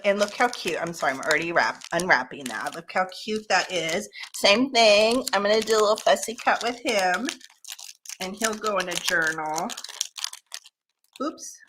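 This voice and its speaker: Gushing woman with a lively voice. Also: medium pitch, moderate pace, background noise. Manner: gushing, excitable, gasps and exclaims often. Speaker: craft vlogger. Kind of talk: casual unboxing chat. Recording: echoey room.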